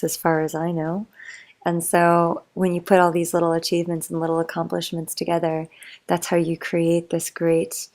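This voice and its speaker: A woman's voice: fairly low pitch, vocal fry, a little mellow. A young woman rambling in a chatty, meandering way for a sleep-aid monologue, full of motivational musings and fillers. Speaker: bedtime talk creator.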